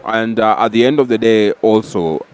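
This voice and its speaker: A man co-hosting a political talk show, arguing in a measured, halting way with frequent pauses. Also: fairly low pitch, clear, resonant tone. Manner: measured, hesitant, many "uh" pauses. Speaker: podcast co-host. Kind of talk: political debate.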